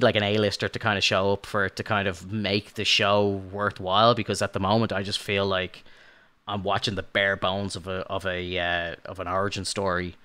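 A man's voice: fairly low pitch, bright, forceful tone, clean tone. A man co-hosting a podcast, chatting casually in a rambling way, with lots of fillers and restarts. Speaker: podcast co-host. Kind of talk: casual review chat.

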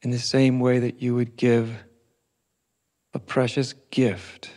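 A man leading a meditation speaks softly and relaxedly, his pitch staying very even. He delivers short phrases slowly, with long, unhurried pauses in between.

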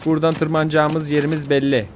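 A young man giving casual, excitable commentary on his own gameplay, fretting aloud and yelping at near falls. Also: on the high side, fast, a little hiss or hum. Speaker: gaming YouTuber.

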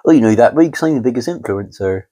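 A man's voice: mid-range voice, expressive, fast, dark tone. A man co-hosting a podcast, bantering bluntly in casual chat. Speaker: podcast co-host.

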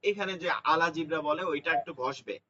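A man's voice: on the high side, moderate pace, sharp tone, far from the mic, dull audio. A man teaching Quran pronunciation, patiently demonstrating letter sounds and repeating them. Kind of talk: online tajweed lesson. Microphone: online class audio.

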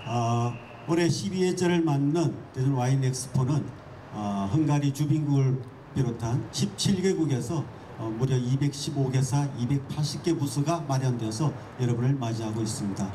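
A man welcoming visitors in a formal speech, often pausing with "uh", speaking into a handheld mic. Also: medium pitch, dark tone. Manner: frequent "uh" fillers while speaking freely. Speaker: expo organizer welcoming visitors. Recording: distant mic with outdoor noise.

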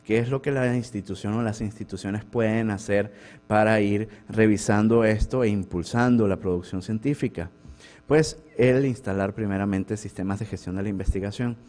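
A man's voice: lowish voice, normal speed, a little mellow. A man giving an academic conference talk as a professor, speaking in a conversational way and checking in with the audience through rhetorical questions. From Venezuela. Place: university lecture hall.

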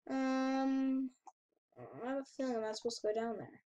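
A woman's voice: sits high, dark tone, lo-fi sound. A woman hosting a gaming channel, giving casual gameplay commentary, chatty and reading on-screen text aloud as she reacts to it.

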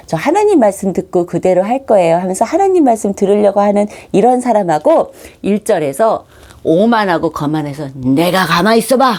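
A middle-aged woman teaching a children's devotional as a Sunday school teacher, talking straight to the kids and acting out little quotes as she goes. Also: low voice. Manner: animated, acts out quotes for children; speaks directly to kids, warm storytelling teacher tone.

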